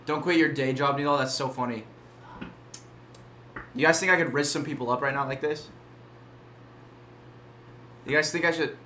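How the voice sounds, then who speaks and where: A man's voice: a little high, fairly even intonation, moderate pace, pauses often, bright, forceful tone. A young man hosting a casual livestream, teasing his co-host and thanking viewers for donations. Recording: echoey room, faint noise.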